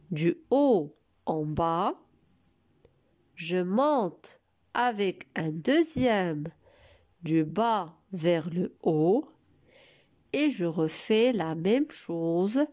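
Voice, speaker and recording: Slow, lively-voiced woman teaching small children. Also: medium pitch. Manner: slow and carefully spelled out, encouraging. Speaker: preschool teacher. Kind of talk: recorded lesson for young children.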